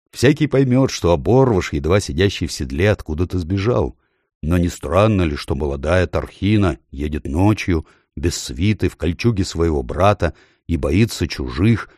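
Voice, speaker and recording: A man's voice: sits low, expressive, normal speed, a little mellow, no echo, clean studio sound. A man voicing a proud, noble male talking horse who speaks in a stately, lecturing way. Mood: lofty.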